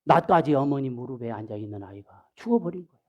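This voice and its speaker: A male pastor giving a sermon, telling the story in an animated way, acting out the people in it and dropping into soft asides. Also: medium pitch, quick pace, muffled recording.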